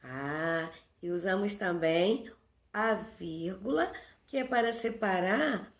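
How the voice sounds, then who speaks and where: A woman with a Brazilian Portuguese accent teaches young children a recorded review lesson, speaking slowly and unhurriedly. She patiently asks questions and then answers them herself. Her voice sounds roomy and echoey, as if recorded in a bare room. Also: medium pitch. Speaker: primary school teacher.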